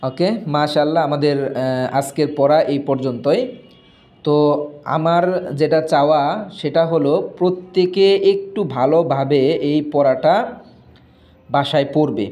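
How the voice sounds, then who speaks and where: Man, recitation teacher, mellow tone, slightly high voice, drawn-out spelling, brisk asides. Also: fairly even intonation. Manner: slow drawn-out spelling, then brisk explaining. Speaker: Quran reading teacher. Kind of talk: Quran recitation lesson for students.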